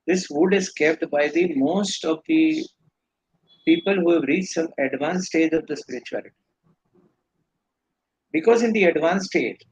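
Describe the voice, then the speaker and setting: A man's voice: a little high, slightly rough, poor audio. A man with an Indian accent giving earnest, rambling spiritual teaching in a live question-and-answer session. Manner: earnest, rambling explanations with restarts.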